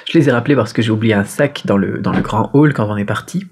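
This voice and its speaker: A man from France who vlogs and teaches Chinese speaks fast in a lowish, darkish, slightly rough voice. He chats casually to camera in his apartment during a power cut, full of fillers and self-corrections, recorded on a camera-mounted shotgun mic.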